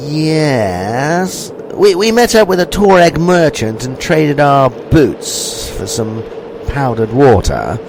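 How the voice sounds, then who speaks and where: A bright, sing-song explorer chap, as a man plays him, chirpy and plummy, bounding up and down in pitch. He drawls his lines slowly and cheerfully through a comic radio sketch. A noisy backdrop of rumbling vehicles hangs behind him. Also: sing-song, full character voice. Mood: jolly. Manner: jolly, upper-crust understatement.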